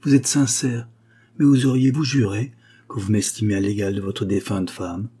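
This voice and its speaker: A man's voice: on the low side, little pitch movement, normal speed, warm tone, husky. A man voicing a proud, mocking ghostly young widow in an audiobook, raising his voice and slipping into whispers. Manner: teasing, wistful, half-whispered. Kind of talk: audiobook reading.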